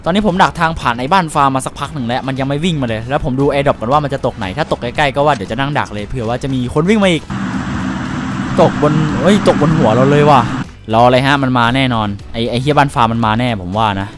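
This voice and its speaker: A man's voice: mid-range voice, fast. A man giving casual, crude, joking commentary while playing a shooter game, with faint music behind him. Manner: excitable, crude banter, sings and jokes mid-fight. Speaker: gaming streamer.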